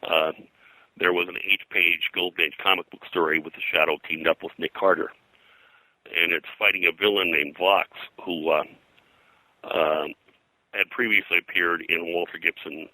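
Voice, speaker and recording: A man interviewed as a historian and publisher explains history conversationally, haltingly and with lots of detail. His voice is low, bright and forceful with fairly even intonation, recorded dry with no echo but in poor audio quality.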